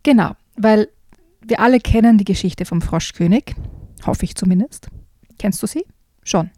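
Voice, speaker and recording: Woman book presenter, lively reader, dry close mic. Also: mid-range voice, normal speed, dry recording. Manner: lively storyteller, reads with character voices. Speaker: co-host presenting children's books. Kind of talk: casual chat and reading aloud.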